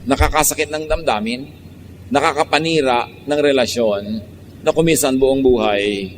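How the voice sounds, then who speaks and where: A man with a Filipino accent preaching a sermon, moving between calm low emphasis and sudden high animated bursts. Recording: long hall reverb, faint background noise.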